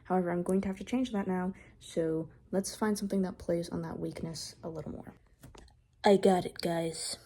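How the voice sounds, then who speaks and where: A woman's voice: lowish voice, steady tone, normal speed, mellow, distant mic. A teenage girl who is sick, chatting casually and rambling in a home vlog. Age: teens. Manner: chatty, rambling, self-deprecating. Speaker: vlogger. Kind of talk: casual vlog talk to camera. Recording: echoey room, voice from off mic, faint noise.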